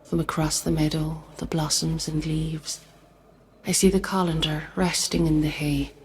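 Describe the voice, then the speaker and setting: A low-voiced, mournful ghost woman recites verse in a video game. Her delivery is even and restrained, wistful and deliberate, as if each line weighs on her. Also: a little hiss or hum. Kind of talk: slow, measured verse recitation.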